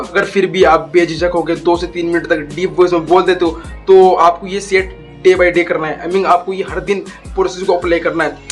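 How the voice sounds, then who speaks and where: A young YouTube voice coach walks viewers through voice exercises in casual tutorial talk, slow and deliberate, calling them "guys" and "bro." His voice sits a bit high for a man, with soft music faintly behind him.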